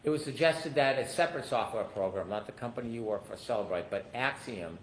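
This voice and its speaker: A man with a mid-range voice cross-examines a witness, heard through a courtroom recording with faint background noise. He builds probing questions slowly and often breaks them up with "um.". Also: medium pitch, low-quality recording. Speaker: attorney.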